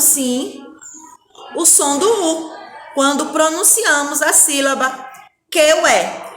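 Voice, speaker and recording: A woman teaching young children a phonics lesson, speaking slowly and patiently with a Brazilian Portuguese accent and often asking the children whether they agree. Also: high voice, fairly bright tone, roomy sound, low-quality recording. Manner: slow, patient, spells out sounds. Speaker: primary school teacher. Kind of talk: recorded classroom lesson.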